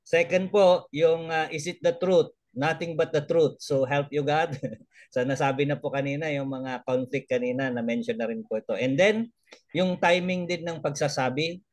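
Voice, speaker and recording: A man's voice: on the high side, moderate pace, no echo. Chuckling man on a video call. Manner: mixes English into his talk, chuckles often, restarts phrases. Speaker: elder trainee sharing a report. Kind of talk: casual talk in a video call.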